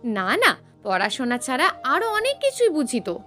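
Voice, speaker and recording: A woman voicing a shy, polite young male college student who speaks softly and formally. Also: sits high, wildly swooping pitch, moderate pace, soft background music, heavily acted. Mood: gentle. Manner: meek, soft-spoken, formal.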